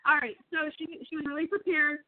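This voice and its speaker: A middle-aged woman doing a casual phone interview, asking questions haltingly and trailing off as she takes notes. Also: high-pitched, little pitch movement, no echo. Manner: halting, trails off while note-taking. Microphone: phone call. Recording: tinny dry phone-line sound.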